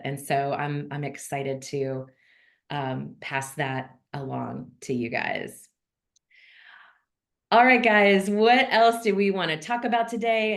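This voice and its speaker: A woman with a low voice leads a relaxed online call for members, the monthly gathering of notaries she hosts. Her talk is casual video-call chat, upbeat and direct, with ums filling the pauses.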